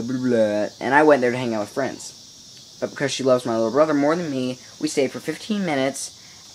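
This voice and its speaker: A teenage boy with a medium-pitched voice vlogs casually from his upstairs room at home, rambling to viewers in a video-diary style with playful mock outrage. The recording is low-quality, made on a microphone in a home room, with a little hiss or hum and faint insects chirping in the background.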